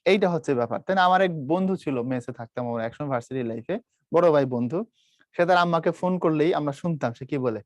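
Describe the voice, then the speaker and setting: Male teacher, from Bangladesh, live online lecture, quizzes students, slightly high voice, dry. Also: fast, no room sound. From Brahmanbaria, Bangladesh. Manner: lively, quizzes students, mimics regional dialects.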